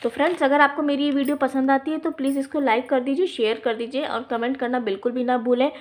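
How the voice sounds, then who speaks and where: A woman's voice: high voice, steady tone, quick pace, a little mellow. A woman teacher explaining a phonics lesson to other teachers, stretching words out to demonstrate long and short vowel sounds in a patient, explanatory way.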